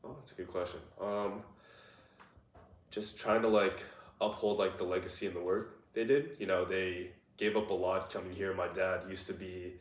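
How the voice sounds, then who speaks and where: A young American man in his twenties, a nutrition student, answers interview questions in a relaxed way, peppering his speech with "like" and "uh." His voice is low-pitched and he talks at a normal speed, sounding reverberant and distant from the microphone.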